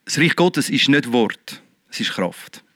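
A man preaching a lively sermon, shifting between loud exhortation and quiet, earnest talk. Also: medium pitch, a little slow, no echo. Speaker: pastor.

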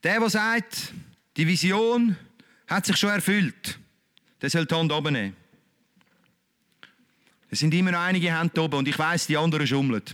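A man's voice: fairly high pitch, moderate pace, pauses often, a bit bright. A man with a Swiss German accent preaching a sermon in a colloquial, emphatic, repetitive way.

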